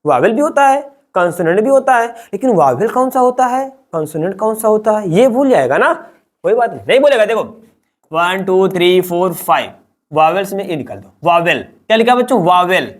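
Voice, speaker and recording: A man's voice: high voice, expressive, fairly quick. A man teaching a beginners' English lesson in Hindi, drilling letters one by one, asking questions and answering them himself, and calling his listeners children. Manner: calls listeners children and uses friendly address. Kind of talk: classroom-style online lesson.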